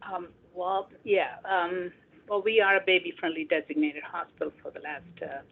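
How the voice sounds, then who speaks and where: Woman heard over the phone, hesitant, husky and tinny, unscripted remarks on a group call. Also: lowish voice, steady tone, moderate pace. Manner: hesitant, many ums. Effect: heard over a phone line. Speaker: hospital staff member sharing practice at an online meeting.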